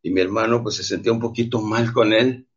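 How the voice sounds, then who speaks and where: A man's voice: fairly low pitch, fairly even intonation, brisk, breathy edge. A man from Mexico, giving an emphatic, preachy motivational talk to his audience. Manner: emphatic and preachy, often calls listeners "champions". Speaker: motivational speaker. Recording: dull lo-fi recording.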